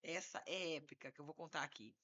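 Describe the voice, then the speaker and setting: A woman's voice: sits low, fast talker, pushed and bright. A woman with a Brazilian Portuguese accent, a criminal defense lawyer co-hosting a podcast, telling a story and acting out both sides of a phone call.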